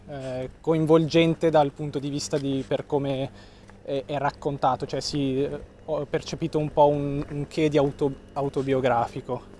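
A man's voice: medium pitch, a little mellow. Man, co-host, hesitant film summary, casual talk, faint vehicle noise. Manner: hesitant, many fillers and restarts, searching for words. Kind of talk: casual film review chat.

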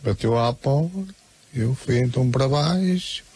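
A man with a European Portuguese accent calmly recounting events in a gravelly, husky voice, repeating himself. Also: mid-range voice, measured pace. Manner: calm, matter-of-fact, repeats himself. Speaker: interviewee. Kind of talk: flat recounting to camera.

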